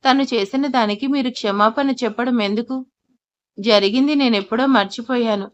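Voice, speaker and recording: A sharp-tongued young wife in a storybook drama, voiced by a woman narrator. She speaks firmly and quickly, with a fairly high voice on a dull, lo-fi recording. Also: close to an everyday voice. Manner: firm and quick, scolding.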